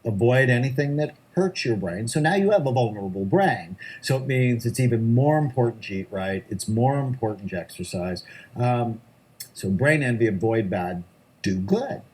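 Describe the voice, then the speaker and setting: Speaking at medium pitch and normal speed, the middle-aged psychiatrist sounds expressive, with a darkish tone and a breathy edge. As an interview guest, he answers emphatically, often stressing ideas through short lists.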